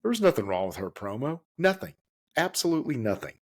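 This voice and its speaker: Ranting in a casual chat, a podcast co-host speaks quickly in a sing-song voice. He's emphatic, full of stammers and restarts, and his voice swings up high when he gets worked up.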